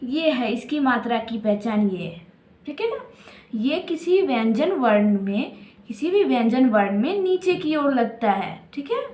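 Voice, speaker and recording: A woman's voice: on the high side, sing-song, a little mellow. Patient woman teacher in an echoey room. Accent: Bihari Hindi. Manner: patient, repeats each word slowly, asks questions to the pupils. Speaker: primary school teacher. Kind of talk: recorded classroom lesson for young children.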